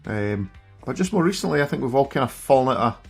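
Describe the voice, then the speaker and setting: A man's voice: mid-range voice, lively intonation, quick pace, gravelly, husky, faint music behind. A middle-aged man with a broad Scottish accent, giving chatty, self-deprecating live commentary as he plays games. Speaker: streamer reviewing a gaming handheld. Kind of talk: casual live gameplay commentary.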